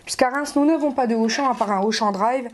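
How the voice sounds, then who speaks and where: Woman doing a casual makeup haul vlog, voice a bit on the high side, chatty, swears a bit, stammers when she's worked up. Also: a little fast. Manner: stammers and repeats herself when riled. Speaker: beauty vlogger.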